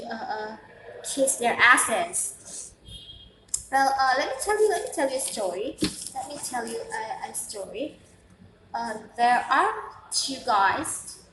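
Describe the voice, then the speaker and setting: A woman with a thick foreign accent who is not a native English speaker, telling a story in a casual, halting monologue and repeating phrases for emphasis. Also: high voice. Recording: echoey room, faint background noise.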